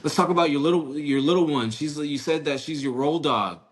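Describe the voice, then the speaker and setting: A man's voice: a little high, a little fast. A man hosting a podcast interview in a casual, slangy way, often repeating words and restarting his sentences. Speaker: podcast host.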